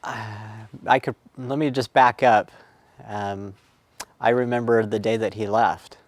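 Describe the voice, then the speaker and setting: A middle-aged man recounting childhood memories in a recorded oral history, reflective and halting with many pauses and fillers. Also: lowish voice, fairly even intonation, no room sound. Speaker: family history storyteller.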